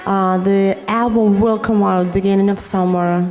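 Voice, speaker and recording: A woman's voice: mid-range voice, steady tone, moderate pace, a little mellow, big-room sound. A young woman from Norway, a recording artist, talking about her music in an interview, with many "you know" fillers. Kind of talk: interview answers.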